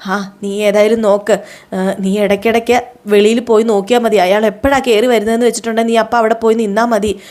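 A woman retelling a story plays a scheming young woman who coaches her friend through a plan, step by step. She sounds bossy and conspiratorial, in a clear and slightly high voice. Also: level tone, fast talker, darkish tone, natural voice. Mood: plotting. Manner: conspiratorial, instructing.

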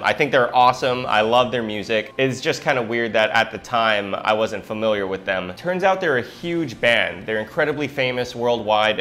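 A man in his thirties from Hawaii, chatting upbeat to camera about skateboarding, sitting at a table in a bright dining room. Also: mid-range voice. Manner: upbeat, chatty, lively hand gestures. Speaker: skateboarder and vlogger. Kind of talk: casual chat to camera.

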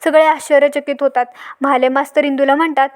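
A woman's voice: high-pitched, level tone, fast talker. A woman retelling a television serial episode scene by scene in storytelling narration, quoting each character in turn.

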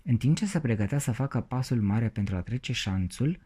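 A man reading a children's story aloud in an expressive way. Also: mid-range voice, husky. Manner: expressive, animated.

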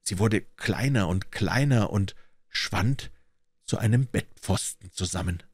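A man reading a classic story aloud as narrator, with expressive, lively delivery. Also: on the low side, unhurried, slightly rough, dry recording. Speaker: audiobook reader.

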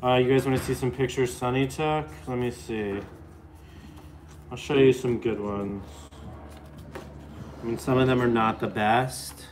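A man's voice: mid-range voice, steady tone, unhurried, pauses often, slight background noise. Rambling man in his late thirties. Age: late 30s. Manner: rambling, joking, reading comments aloud. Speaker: live stream co-host. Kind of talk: casual live-stream chat. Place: bright living room at home. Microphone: phone camera close up.

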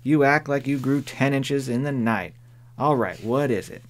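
A man voicing a young, stubborn tomboy girl in an audiobook, speaking bluntly in a raised pitch. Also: normal speed, natural voice. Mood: defiant. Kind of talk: audiobook character voice.

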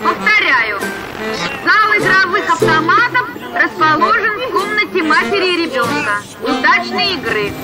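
A very high, swooping female voice delivers a mock airport announcement in a comedy film. the solemn announcer with formal, declaimed phrasing. Music and a crowd are loud behind her. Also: big pitch swings, moderate pace. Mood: mock official. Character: partying woman mimicking a solemn public airport announcer.

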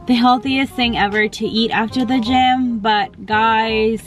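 A woman's voice: fairly high pitch, steady tone, measured pace. Young woman, casual vlog chat, giggly, lots of "like", phone camera, faint music behind. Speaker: beauty vlogger. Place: in a car and out on errands.

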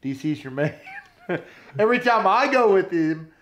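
A man's voice: high-pitched, measured pace. A man, chatting casually and joking with friends in a living room at night. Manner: laid-back, joking, excitable. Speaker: vlog host, pro angler. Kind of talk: casual chat.

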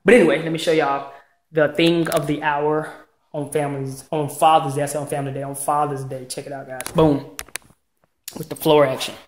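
A man in his thirties shows off his garage gym in a hyped, boastful, slangy way. His voice sits fairly high. The bare garage gives him a roomy echo, and he records on a handheld phone. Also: little pitch movement, fairly quick. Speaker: fitness vlogger. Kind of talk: casual home-gym tour vlog. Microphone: handheld phone camera.

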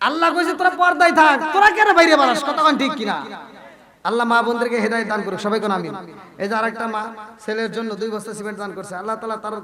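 A man's voice: sits high, very fast. A male Islamic preacher, giving a jocular waz sermon and keeping the crowd answering back. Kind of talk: Bengali waz sermon at a religious gathering.

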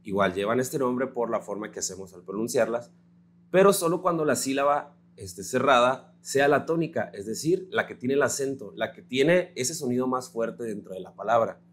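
A patient man with a Mexican accent teaches a recorded grammar lesson at a mid pitch, breaking words into syllables one at a time. A faint hum sits under his voice. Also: lively intonation. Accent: Mexican Spanish. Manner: slow, patient, spells out syllables.

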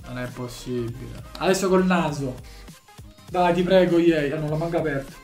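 Excitable man shouting over game music. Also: a little high, normal speed, echoey room. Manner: swings from shouted excitement to muttering. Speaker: gaming YouTuber opening packs. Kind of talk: excited casual commentary.

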